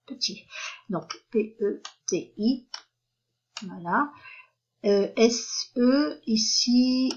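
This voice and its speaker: Woman teacher, slow careful delivery, slightly husky voice, dull lo-fi recording, patient explanatory lesson. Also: medium pitch. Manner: patient, spells out letters and syllables. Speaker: French teacher.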